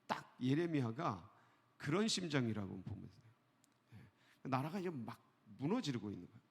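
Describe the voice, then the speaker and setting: A man preaching at a dawn service, his mid-pitched voice gravelly at the edges. He talks to the congregation casually, asking questions and answering them himself. His voice rings with the long reverb of a church hall. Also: sing-song, moderate pace. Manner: conversational preaching with rhetorical questions and chuckles. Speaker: pastor. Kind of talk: early-morning sermon. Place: church sanctuary.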